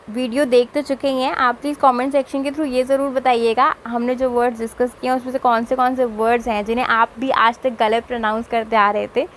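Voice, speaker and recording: A young woman with an Indian accent teaching pronunciation in a video lesson, spelling out words slowly and mixing Hindi with English. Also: high voice, slight background noise, poor audio. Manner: slow deliberate word-by-word demonstration, mixing Hindi and English.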